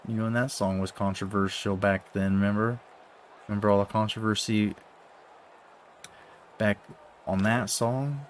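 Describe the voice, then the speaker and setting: A man's voice: on the low side, fairly even intonation, normal speed, long pauses, slight background noise. A man casually commenting while playing a football video game, rambling and swearing between mock play-by-play calls. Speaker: gaming streamer.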